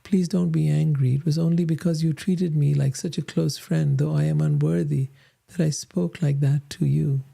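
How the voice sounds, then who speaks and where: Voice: mid-range voice, fairly even intonation, normal speed, vocal fry, mellow, slightly rough. A reader voicing a pleading young Radha. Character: lovesick young goddess pleading in separation.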